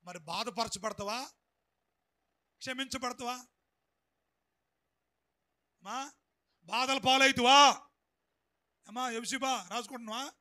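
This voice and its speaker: A male pastor, a very high voice and a bright, sharp tone. He preaches by turns, murmuring a story and then shouting exhortations for call and response. His soft stretches and his loud ones are far apart in volume. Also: takes it slowly, long pauses. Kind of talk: sermon.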